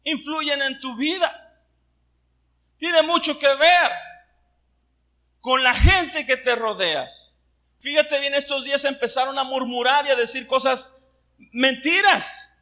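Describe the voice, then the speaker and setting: A middle-aged pastor from Puerto Vallarta, with a Puerto Vallarta Mexican Spanish accent, preaches a Sunday sermon and puts questions to his congregation. His voice is extremely high, pushed, and bright, and he speaks slowly with long pauses.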